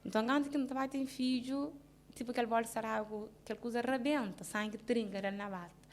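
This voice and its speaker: In a casual interview, a woman with a Cape Verdean Creole accent recounts a personal story, halting and starting over and frequently checking whether the listener understands. She's mostly subdued with sudden bursts of emphasis, her fairly high voice steady in tone, with a little hiss or hum in the audio.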